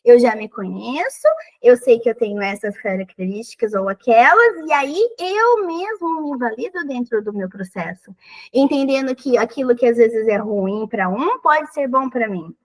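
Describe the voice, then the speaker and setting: A woman with a thin, high voice, talking casually and expressively as a podcast guest and acting out little quoted exchanges. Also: expressive, normal speed, low-quality recording. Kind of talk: casual conversational advice.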